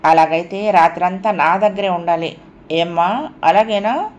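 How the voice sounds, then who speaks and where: A woman voicing an adoring young woman who speaks in a soft, coaxing murmur in a storybook reading. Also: fairly low pitch, unhurried, highs cut off, natural voice. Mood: tender coaxing.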